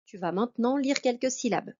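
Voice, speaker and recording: A woman's voice: fairly high pitch, expressive, a little fast, darkish tone, muffled recording. A woman teaching a reading lesson to children, patiently spelling out syllables one by one.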